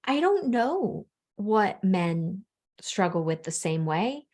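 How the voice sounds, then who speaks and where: A young adult woman from the Bahamas, a spiritual coach, speaks openly and earnestly in a candid interview, using "like" as a frequent filler. Her voice is medium-pitched and sing-song with a darkish tone, and she takes it slowly.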